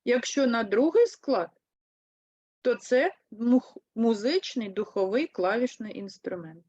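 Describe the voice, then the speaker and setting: A woman teaching an online lesson for third graders, with a Ukrainian accent, speaking slowly and clearly and putting lively stress on key words. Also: a little high, no room sound, dull audio. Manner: slow, clear, explains with lively emphasis. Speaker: primary school teacher.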